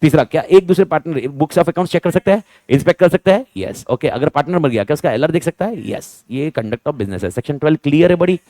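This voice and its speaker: A man teaching an exam revision class. He drills students in rapid question-and-answer bursts and hammers key points home by repeating them. His voice sits a little high and sounds close and dry. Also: animated, warm tone, no room sound.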